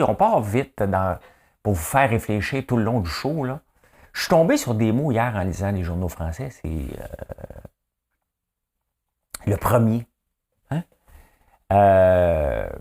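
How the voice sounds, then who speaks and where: A man's voice: lowish voice, darkish tone. A man with a Québécois accent hosting a daily news show, chatting casually in a joking, rambling way with lots of asides. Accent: Québécois French. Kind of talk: casual solo news commentary.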